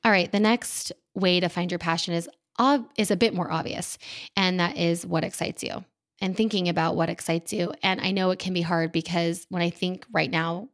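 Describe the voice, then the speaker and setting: A woman's voice: on the low side, fairly even intonation, moderate pace. A woman in her thirties talking into a microphone in a candid, chatty, self-deprecating monologue as a podcast host. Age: 30s. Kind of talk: casual personal monologue. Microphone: studio microphone.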